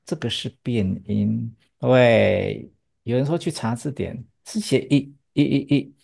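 This woman's voice is rumbling low, mellow, husky and creaky, and she speaks a little slowly. Teaching English pronunciation bilingually, she explains patiently in Chinese, drills every word with a student, and asks rhetorical checks.

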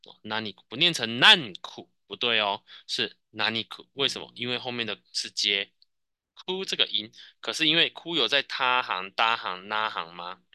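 A man's voice: fairly low pitch, animated, moderate pace, sharp tone, clear, resonant tone, dry recording. A man with a Taiwanese Mandarin accent teaching a Japanese class, patiently drilling students and tagging sentences with "哦". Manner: patient, repeats answers, frequent "哦" tags.

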